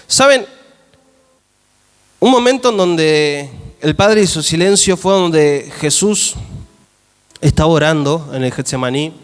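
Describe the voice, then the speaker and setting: A man pastor with a Rioplatense Spanish accent preaches emphatically, often throwing questions to his congregation. His voice sits high, and a long church-hall reverb trails every phrase. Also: expressive, slow, pauses often, smooth. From Argentina. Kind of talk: sermon.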